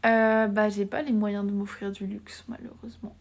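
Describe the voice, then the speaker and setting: A young woman from France chatting casually on a live stream. She often drops into soft whispers, giggles a lot and uses casual slang. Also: medium pitch, little pitch movement, normal speed. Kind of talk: live-stream chat with viewers.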